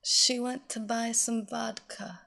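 A woman voicing an entranced young female athlete who answers in a soft, hushed, obedient voice. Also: on the high side, little pitch movement, slow pace, vocal fry, heavily acted. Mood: submissive.

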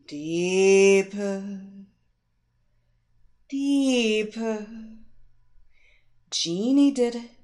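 A woman voicing a seductive, domineering female hypnotist who gives slow, soothing commands. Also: a little high, heavily acted. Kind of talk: erotic audio story acting.

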